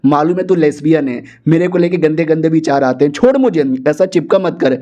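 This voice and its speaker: A man's voice: a little high, brisk, mellow, natural voice. A man voicing a brash, short-tempered female demonic sect leader who scolds crudely. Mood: scolding.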